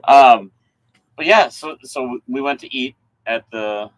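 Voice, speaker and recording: A man co-hosting a casual chat, easygoing and quick to laugh. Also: mid-range voice, no echo, rough recording. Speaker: co-host.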